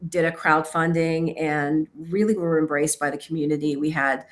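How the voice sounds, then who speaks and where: Self-deprecating woman filmmaker, lowish voice. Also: flat delivery, moderate pace. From Kentucky, United States. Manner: thoughtful, self-deprecating, searching for words. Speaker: filmmaker and author. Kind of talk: casual interview answers.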